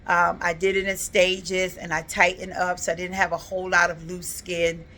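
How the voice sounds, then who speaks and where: A woman's voice: fairly low pitch, little pitch movement, normal speed, pushed and bright, a little hiss or hum. A woman in her fifties, talking earnestly and reflectively in a casual personal vlog, with frequent ums and uhs. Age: 50s. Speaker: vlogger.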